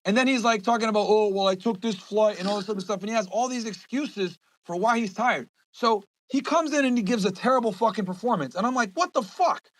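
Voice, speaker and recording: A young man hosting a podcast, venting to his audience in a heated, profanity-heavy rant. His voice sits very high and he rattles the words out quickly. The sound is dry and close, with little room around it. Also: fairly bright tone, no echo, poor audio. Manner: heated, profane, repeats himself. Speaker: podcast host. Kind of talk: casual rant to viewers.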